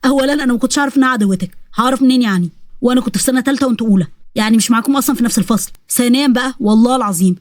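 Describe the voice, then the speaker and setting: A woman voicing a teasing, cocky teenage boy with an Egyptian accent, talking back fast in a story. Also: fairly high pitch, dry recording, close to an everyday voice. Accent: Egyptian Arabic.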